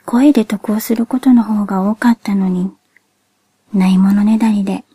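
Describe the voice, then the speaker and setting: Soft whispery podcast girl, grown woman w cute anime kinda voice, super mellow n gentle, dry close sound. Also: medium pitch, steady tone, husky, no echo. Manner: gentle, polite, measured delivery. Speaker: podcast host.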